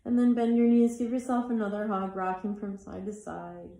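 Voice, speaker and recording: A woman leads a yoga class, giving pose cues in a mellow, tired voice. She chats between instructions as if her students were in the room. The room gives her voice a noticeable echo. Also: medium pitch, little pitch movement, normal speed, creaky. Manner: chatty, apologizes for talking too much. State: tired, yawning. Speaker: yoga teacher. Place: athletic club room.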